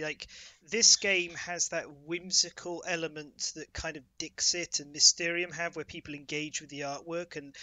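Man, very bright tense voice, dry close sound, playful enthusiastic podcast chat. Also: fairly high pitch, dry recording. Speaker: podcast co-host. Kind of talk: casual board game chat.

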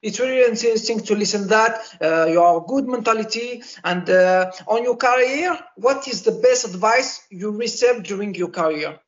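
Male interviewer, high voice, hesitant questions, muffled lo-fi sound. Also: normal speed, hardly any pauses. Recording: dull, muffled audio.

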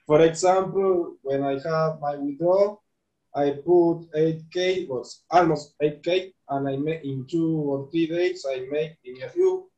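Young man with halting non-native English, roomy webcam sound. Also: on the high side, animated, warm tone, highs cut off. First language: Spanish. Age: 20s. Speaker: interview guest, trader. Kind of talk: casual video call interview. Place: bright room indoors. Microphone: video call webcam.

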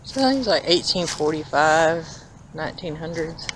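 A woman's voice: low voice, animated, unhurried, fairly bright tone. A woman giving casual, folksy running commentary outdoors as a paranormal vlogger, often asking questions aloud to unseen listeners. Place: outdoors in a cemetery. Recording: noisy outdoor handheld camera audio. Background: clear outdoor ambient noise.

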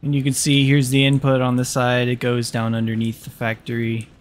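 A man's voice: medium pitch, monotone, a little fast. A young man giving casual, jokey commentary over his factory-building gameplay, swearing freely. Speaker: gaming YouTuber.

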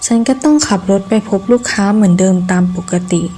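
A woman reading a scripted first-person ghost story in measured, deliberate phrases with pauses. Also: medium pitch, lively intonation, warm tone. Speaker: horror story narrator.

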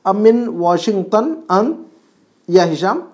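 A man's voice: high-pitched, expressive, takes it slowly, a little mellow. A man teaching an Arabic class from home, explaining each phrase patiently and quizzing his student.

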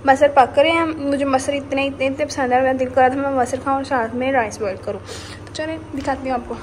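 A young woman with a high voice talks through her housework and cooking in a chatty home vlog. She calls out to viewers as guys as she goes. Her voice is captured on a handheld phone, with clear background noise from the kitchen and traffic outside. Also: steady tone, quick pace. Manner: chatty, addresses viewers as guys, narrates chores step by step. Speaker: vlogger. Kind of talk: casual chatty vlog narration. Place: apartment kitchen and laundry area, indoors.

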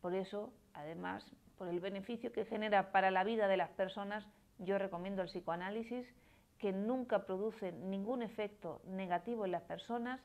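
A woman in her forties with a Málaga accent explains ideas on a live stream, reading out viewers' comments and answering them. Her pitch sits in a middle range. She talks in an explanatory way, often tagging her points with a questioning "¿no?". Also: normal speed, darkish tone. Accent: Spanish from Málaga. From Spain. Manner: explanatory, tags phrases with questioning "¿no?". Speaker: psychoanalyst.

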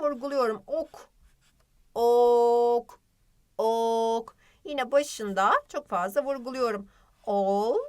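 A young woman teaching a children's phonics lesson, drawing out words and asking the class questions in a lively, sing-song way. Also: on the high side. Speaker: primary school teacher.

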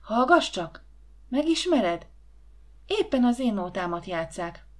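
A woman voicing an excitable, playful teenage girl who whispers eagerly in an audiobook. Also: medium pitch, close to an everyday voice. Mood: excited whispers.

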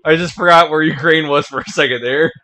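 A man hosting a video game session, chatting casually, laughing often and shouting at the screen. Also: on the high side, brisk. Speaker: let's play host. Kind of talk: casual gameplay commentary.

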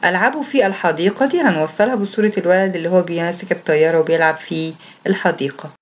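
Egyptian female teacher, lower voice, patient and repetitive, muffled lo-fi sound. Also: fast. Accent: Egyptian Arabic. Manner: patient and repetitive, reads each instruction aloud, then explains it. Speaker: primary school Arabic teacher. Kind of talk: recorded classroom lesson explanation.

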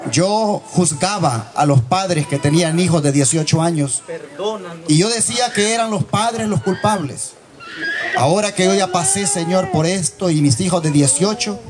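Middle-aged guy praying in church, earnest, slightly high voice. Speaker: church member leading prayer. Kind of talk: spoken prayer.

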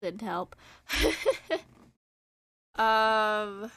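A woman's voice: medium pitch, fairly even intonation, extremely slow, sharp tone, clear, resonant tone, dry recording. A young woman streaming a game live from home into a close desk mic, chatting in a rambling, self-interrupting way and humming nonsense tunes. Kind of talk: casual live-stream chat over gameplay.

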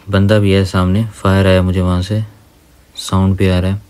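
Talking to viewers as brothers, a man does laid-back gameplay commentary as a gaming YouTuber, his low voice level and at normal speed. His throat is dry from talking, and the very noisy audio carries faint gunfire underneath.

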